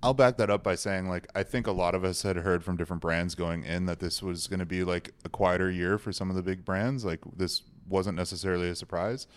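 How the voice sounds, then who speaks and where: A man on a podcast panel, telling an animated story in a loose, amused way. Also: sits low, brisk, few pauses.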